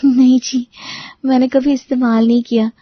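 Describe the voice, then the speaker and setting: Woman putting on shy traditional young woman, soft-spoken, polite, dry lo-fi recording. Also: high voice, flat delivery, moderate pace, no room sound, pitched above the performer's own voice. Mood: meek. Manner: meek, polite.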